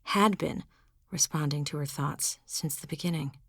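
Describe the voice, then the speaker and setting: Low, gravelly woman narrator. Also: normal speed, no room sound, studio quality. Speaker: audiobook narrator. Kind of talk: scripted narration.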